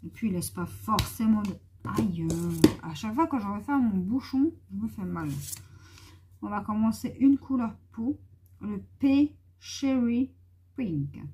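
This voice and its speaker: A YouTuber presents art markers in a casual haul vlog, her medium-pitched voice expressive, a little slow, dark, and slightly rough. She thinks aloud while testing colors and chats familiarly with viewers.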